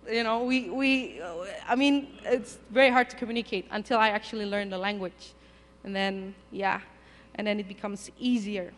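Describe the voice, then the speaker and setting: A woman telling a personal testimony at a church service, animated, acting out her own past thoughts as she tells the story. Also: mid-range voice, measured pace, long reverb tail. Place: church hall.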